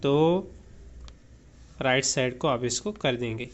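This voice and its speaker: A man teaching English pronunciation and meanings, repeating each word many times and reading definitions slowly. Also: mid-range voice, fairly bright tone. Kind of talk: slow pronunciation lesson.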